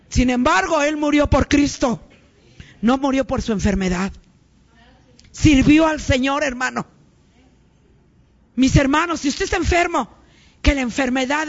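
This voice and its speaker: A woman preaching a fervent sermon, calling out to her congregation and rising to shouts. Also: high-pitched, creaky, highs cut off.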